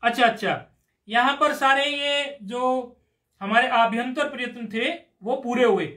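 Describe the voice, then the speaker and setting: His voice pitched extremely high and sharp, a man unhurriedly teaches Sanskrit grammar to a live class. He explains patiently, one step at a time, and puts questions to the students, all in an echoey, roomy space.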